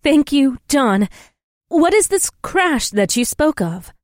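A man's voice: extremely high pitch, sing-song, takes it slowly, no room sound, studio quality, voice pushed up, full character voice. A man voicing a formal warrior princess. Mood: earnest, wondering. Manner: formal stilted phrasing without contractions. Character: young woman warrior princess, formal, earnest, otherworldly.

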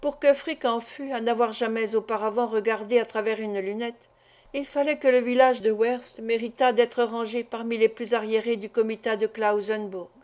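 A woman's voice: on the high side, fairly even intonation, normal speed, darkish tone. Woman narrating a classic novel. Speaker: audiobook narrator. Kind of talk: scripted literary narration.

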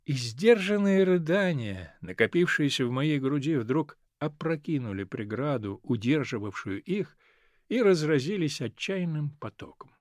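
A man's voice: fairly high pitch, big pitch swings, unhurried, no echo, clean studio sound. Man reading a novel expressively. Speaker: audiobook narrator. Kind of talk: literary reading, first person.

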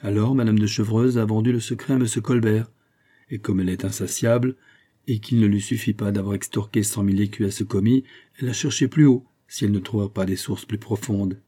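A resolute young king from a read-aloud novel holds the room with firm, commanding speech. A man voices him in his own low, dark, husky register, lifted only a little for the royal lines. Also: fairly even intonation, fairly quick. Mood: insistent.

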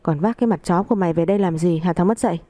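A woman voicing an elderly father who shouts and scolds his grown son harshly, in a storybook reading. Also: fairly low pitch, racing, no room sound, natural voice. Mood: angry scolding.

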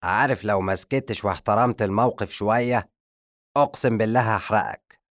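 A man with an Egyptian accent voicing a short-tempered, pompous male sorcerer who shouts and lectures fast. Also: on the low side, fairly even intonation, dry recording, studio quality, natural voice. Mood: scolding. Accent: Egyptian Arabic. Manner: loud, fast, scolding.

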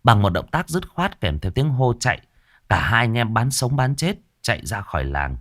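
Lively man telling a ghost story. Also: mid-range voice, moderate pace, dry recording, studio quality.

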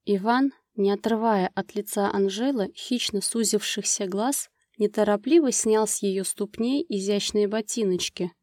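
A woman narrating a romance novel as an audiobook, with smooth, expressive storytelling. Her voice is dark and mellow, at an ordinary pitch for a woman. The recording is dry and close, with no room sound. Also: normal speed, hardly any pauses, no echo.

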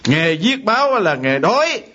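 A man's voice: sits high, very animated, moderate pace, sharp tone, full character voice. An actor playing a domineering middle-aged father in a radio drama, scolding harshly. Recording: dull lo-fi radio drama recording.

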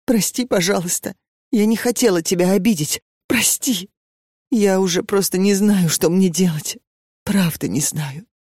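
A woman's voice: lowish voice, expressive, normal speed, mellow, dry recording, clean studio sound. A woman reading an audiobook and voicing a distraught young woman who pleads frantically and breathlessly. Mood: tearful.

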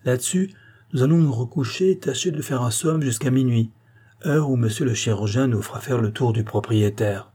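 A man's voice: mid-range voice, normal speed, dark tone, slightly rough, natural voice. A man reading the part of a wry male amateur detective who chats aloud to his cane in an audiobook. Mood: musing. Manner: chatty, talks to his cane.

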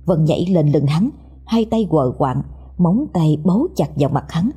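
A woman narrates a scripted horror story in a grave, steady manner. Her voice is low and dark, with a husky, breathy grain throughout. Faint music plays underneath. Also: moderate pace.

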